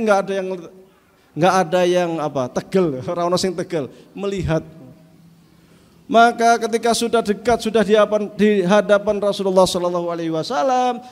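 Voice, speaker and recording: A man preaching a sermon, telling a story with emphatic, drawn-out phrasing. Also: high-pitched. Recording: long reverb in a hall.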